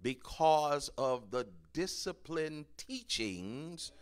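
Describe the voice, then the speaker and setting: Male pastor, unhurried, higher-pitched, call-and-response sermon style. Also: animated. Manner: call-and-response preaching, rising to shouts.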